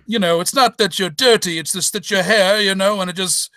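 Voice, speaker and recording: Man playing high-pitched, doddering old doctor. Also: sharp tone, no echo, clean studio sound. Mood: flustered, fussy. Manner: halting, stammering, rambling. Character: doddering, fussy old English doctor Watson reminiscing. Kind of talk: hammed-up old-time radio acting with comic ad-libs.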